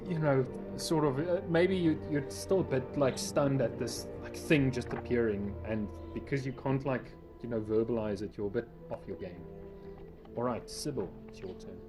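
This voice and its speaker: With music playing underneath, a man runs a tabletop game, his medium-pitched voice at normal speed as he narrates and rules on play in a casual, somewhat hesitant manner.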